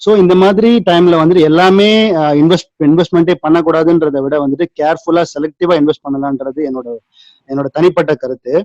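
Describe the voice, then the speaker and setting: Man, fast and halting, dry muffled call audio. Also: a little high, fairly even intonation, a little mellow, dry recording. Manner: hesitant, repeats words, mixes Tamil and English. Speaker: meeting participant asking a question. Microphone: video call.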